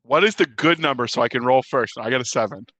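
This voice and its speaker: A man's voice: mid-range voice, quick pace, background noise. A man chatting casually as a player in a tabletop game.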